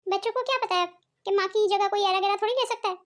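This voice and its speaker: A cartoon matriarch, old and stern, who lectures her family with proverbs , voiced by a woman. Her voice sits extremely high and the words tumble out fast. She sounds scolding and blunt. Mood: lecturing. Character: stern elderly Indian mother-in-law, blunt. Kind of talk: cartoon soap voice acting.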